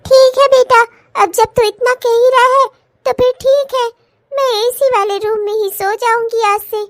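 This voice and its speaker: A woman's voice: very high voice, fairly even intonation, measured pace, no room sound. A woman voicing a scheming older mother-in-law who whines in theatrical self-pity in a cartoon comedy. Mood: fond. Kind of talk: cartoon voice acting.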